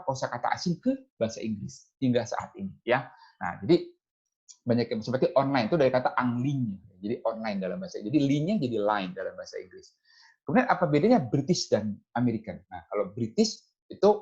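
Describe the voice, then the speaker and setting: This medium-pitched male speaker walks through slides in a lecture, one point at a time, often adding "ya" and "nah" between phrases. The audio has its highs cut off.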